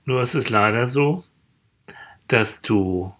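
A woman gently reassuring and explaining things in a children's audio story. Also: very deep voice, slow. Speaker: host figure comforting the rat.

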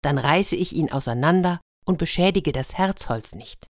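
A woman's voice: low-pitched, animated, normal speed, no room sound, studio quality. A woman voicing a clever, determined young shepherd boy in a fairy tale, speaking firmly.

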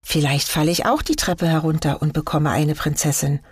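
Brief: woman reading an eager young fir tree for a storybook, low husky voice, dry close sound. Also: fairly even intonation, fairly quick, no room sound. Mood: hopeful. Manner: wondering, questioning tone.

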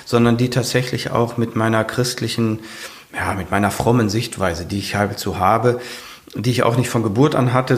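Guy in his 50s talking it through, lots of uhs and restarts, earnest, ordinary pitch. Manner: rambling, many fillers and restarts, earnest. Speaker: guest, firefighter and author. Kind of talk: casual conversational interview.

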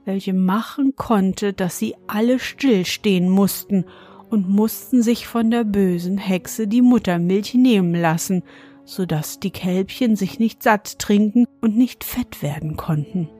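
A woman reading a fairy tale aloud in a calm, measured storytelling manner. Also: mid-range voice, faint music behind.

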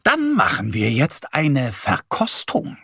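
A man voicing a calm, sensible mother bear in a children's story who speaks patiently and slowly. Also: medium pitch, husky, no room sound, clean studio sound, full character voice. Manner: patient, gently questioning.

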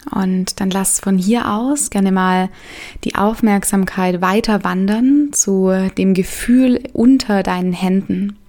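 A woman leading a guided meditation in a soft, soothing way, leaving gentle pauses between phrases. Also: mid-range voice, steady tone.

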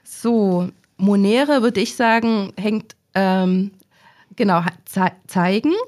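A woman's voice: mid-range voice, slow, a little mellow. Curious playful woman podcast host. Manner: curious, playful, thinking aloud. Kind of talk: podcast interview.

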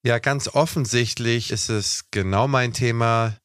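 A man's voice: mid-range voice, a little slow, fairly bright tone, clear, resonant tone, no echo, clean studio sound. A young man hosting a casual talk show, explaining at length with lots of "ne?" fillers. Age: young adult. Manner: chatty, explanatory, with fillers like "ne?" and "was weiß ich". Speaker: podcast host.

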